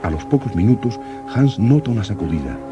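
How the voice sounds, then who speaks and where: An actor playing an earnest, curious young explorer who narrates his expedition diary like an old radio serial announcer, in formal, measured diction. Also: fairly low pitch, lively intonation, highs cut off, natural voice. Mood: earnest narration. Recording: old radio drama with music.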